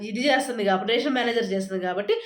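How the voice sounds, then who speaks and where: Fast-talking woman in a roomy echo. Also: mid-range voice. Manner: chatty, rapid retelling with many fillers. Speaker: reality show recap vlogger. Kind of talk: casual spoken recap.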